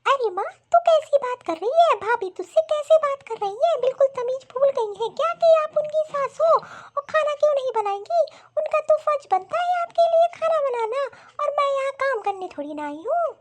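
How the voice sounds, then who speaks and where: A woman's voice: very high-pitched, sing-song, normal speed, hardly any pauses. Woman voicing a whiny spoiled young daughter. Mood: indignant. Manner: whiny, demanding. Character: spoiled young married daughter, demanding and indignant. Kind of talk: cartoon voice acting.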